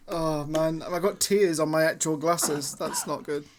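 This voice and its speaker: A man's voice: a little high, background noise. Teasing man who laughs easily. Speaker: podcast co-host. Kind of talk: casual chat.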